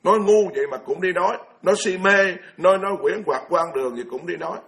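A man's voice: sits high, quick pace, vocal fry, fairly bright tone. A man, giving a blunt, colloquial Buddhist sermon full of scolding rhetorical questions. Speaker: Buddhist monk lecturer.

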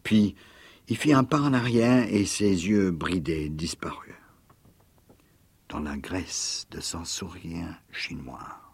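A man narrating a classic detective story in a measured storytelling manner, dropping to a hush at times. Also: low voice, breathy edge. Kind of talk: literary reading.

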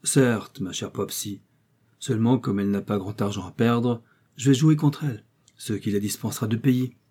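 A man's voice: fairly low pitch, moderate pace, dark tone, breathy edge. A man voicing a blunt, stingy army major in an audiobook. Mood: dry.

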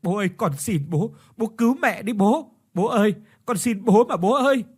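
A desperate young boy wails and begs through his tears, his voice pitched high and breaking, as a male narrator acts him out. Soft music sits behind him. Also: animated, moderate pace, slightly rough. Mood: pleading. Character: grief-stricken young boy, sobbing and pleading. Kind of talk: storytelling with acted voices.

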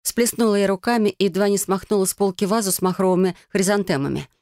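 A narrator reading a first-person story aloud in a steady, even manner. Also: medium pitch, quick pace, dry recording, clean studio sound. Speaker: audiobook narrator.

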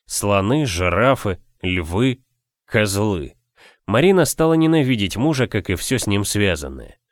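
A man reading an audiobook as its narrator, in an even, measured way. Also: lowish voice, no echo, clean studio sound. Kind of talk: scripted narration.

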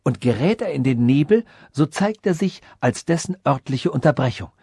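A man narrates a fairy-tale radio story in a measured, formal way. His voice is slightly high for a man. It is recorded close and dry, with no room sound. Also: lively intonation, warm tone, husky, no room sound.

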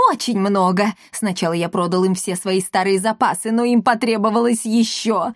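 A woman voicing a scheming, cowardly male swindler who pleads hoarsely in a storybook reading. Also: medium pitch, darkish tone, no room sound, studio quality, close to an everyday voice.

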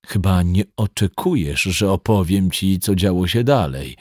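A man reading the part of a calm, quietly menacing man in his forties in an audiobook, speaking in a cool and controlled way. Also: deep voice, measured pace, no echo, clean studio sound. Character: 42-year-old man, calm yet menacing.

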